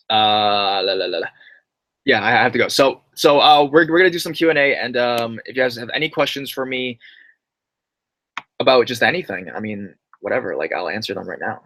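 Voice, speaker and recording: His voice medium-pitched, fairly bright, and free of echo, a young adult man narrates viewer horror stories before chatting casually with his live-stream audience. He's slangy and loose, tossing around dude and bro.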